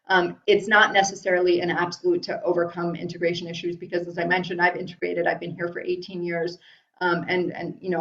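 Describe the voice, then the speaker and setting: Here a middle-aged Iranian woman with a lowish, gravelly voice chats through viewer questions during a live webinar from her home, restarting often amid many ums. The sound, from a video call, is roomy and dull with a lo-fi feel.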